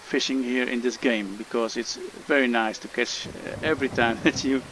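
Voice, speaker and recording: A Dutch gamer from the Netherlands, speaking in a steady mid-range voice at a moderate pace, records casual commentary for a fishing game tutorial. Hesitations and fillers crop up constantly, and there is background noise.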